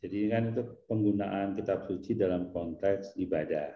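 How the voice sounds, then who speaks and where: A man, a priest, explaining things in an easygoing, teacherly way during a relaxed talk. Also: deep voice, moderate pace, echoey room, lo-fi sound.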